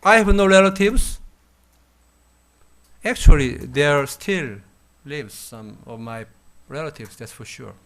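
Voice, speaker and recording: Slow, halting Korean-accented man lecturing. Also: fairly high pitch, lively intonation, fairly bright tone. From South Korea. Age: 50s. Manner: halting, thoughtful, with frequent pauses and fillers. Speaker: university lecturer. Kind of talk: classroom lecture.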